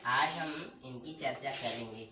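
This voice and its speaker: Guy teaching grammar in a classroom, keeps asking then answering himself, slow, faint hum behind, kinda far off. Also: medium pitch, pushed and bright. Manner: asks questions and answers them himself, repeating key words. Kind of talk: teaching an English grammar lesson. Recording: echoey room, distant mic, faint room noise.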